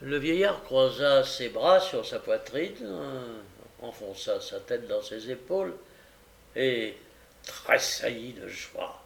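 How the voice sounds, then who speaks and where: A male audiobook narrator reading a classic novel in a measured, unhurried way. His voice carries a gravelly fry, and he takes his time over each phrase. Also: medium pitch.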